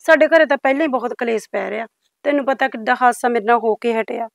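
A woman's voice: on the high side, fast, creaky, no room sound, clean studio sound. A woman with a Punjabi accent playing a stern mother-in-law who scolds a neighbour. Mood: pleading. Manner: scolding, then pleading. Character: stern older mother-in-law guarding her daughters-in-law.

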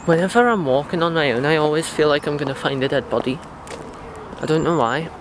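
A young adult man vlogs casually while walking a riverside path, rambling reflectively with plenty of fillers. He records on wireless earbuds, so traffic and outdoor street noise come through. His voice is on the high side and a little fast.

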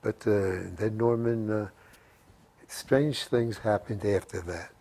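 Old guy in his 80s, gravelly lowish voice, rambling through old stories and quoting who said what. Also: steady tone, takes it slowly, warm tone. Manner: rambling, repeats phrases, quotes remembered dialogue. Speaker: WWII veteran being interviewed. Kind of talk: reminiscing, anecdotal interview storytelling. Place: living room at home. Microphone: lapel mic.

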